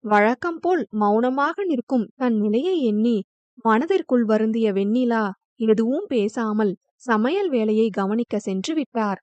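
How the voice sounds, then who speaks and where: A woman narrating a romance novel as an audiobook in an even storytelling delivery. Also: fairly high pitch, a little slow, no echo. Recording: dull lo-fi dry recording.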